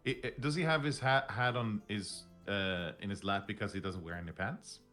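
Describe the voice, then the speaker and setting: A man's voice: on the low side, moderate pace, sharp tone, soft background music. A man playing a tabletop game, distracted and giggly, stumbling over his words. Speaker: player.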